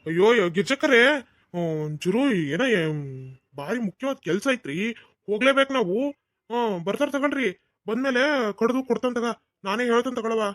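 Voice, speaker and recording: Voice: medium pitch, brisk, no echo, studio quality, close to an everyday voice. Someone voicing an older jovial village headman. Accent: North Karnataka Kannada. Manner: coaxing, teasing, jovial. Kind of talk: cartoon voice acting.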